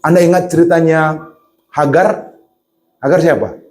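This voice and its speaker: Animated male preacher, bright and high. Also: normal speed. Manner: animated, acts out voices, asks the congregation questions. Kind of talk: lively sermon. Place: church.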